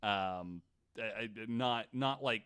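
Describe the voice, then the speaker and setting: Slow and lowish, the man's voice has a fairly bright, clear and resonant tone. He hosts a podcast, telling stories casually and irreverently with plenty of swearing, often stammering and repeating himself, and occasionally reading quotes aloud.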